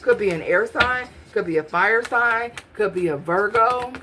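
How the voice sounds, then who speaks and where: Her mid-range voice is bright and forceful, though she speaks a little slowly, with slight background noise. As a tarot reader doing a casual spread, she muses to herself and questions the cards while she pulls them.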